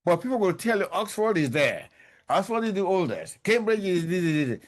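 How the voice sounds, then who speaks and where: Speaking a little fast, the older professor answers interview questions in a high voice with big swings in pitch. He is emphatic and keeps repeating what matters most to him.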